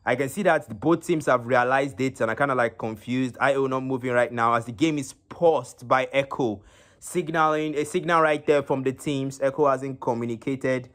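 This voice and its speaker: A man hosting a live stream and commentating an esports tournament, talking haltingly with many fillers and repeated words into a phone. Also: mid-range voice, a bit bright.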